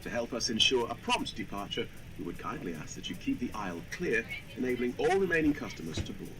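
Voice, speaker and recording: Guy on the cabin PA speaker, formal announcement, lively up and down pitch, sounds far off. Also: over music. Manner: formal, measured announcement delivery. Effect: public-address announcement over a cabin loudspeaker. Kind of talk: airline cabin safety announcement. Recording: distant loudspeaker with loud cabin noise.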